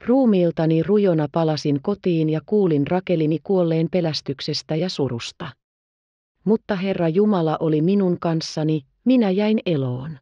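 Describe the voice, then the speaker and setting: A woman's voice: on the low side, warm tone, no echo, lightly acted. A woman voicing an aged, crippled merchant father who speaks with solemn, impassioned gravity, in a slightly dull audiobook recording.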